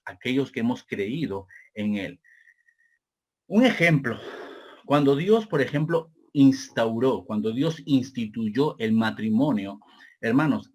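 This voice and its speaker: A man with a Peruvian Spanish accent preaching a sermon, repeating phrases and calling listeners brother, slowing down for key points. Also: mid-range voice. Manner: slows down deliberately for key points.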